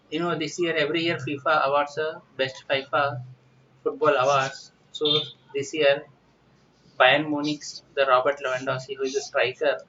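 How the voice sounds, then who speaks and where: An exam-prep teacher from India, a man with an Indian accent, gives an informal current affairs lecture, explaining and instructively repeating points with frequent "you know" tags. His voice is on the high side with a sharp tone. The distant mic yields muffled, lo-fi audio with faint noise.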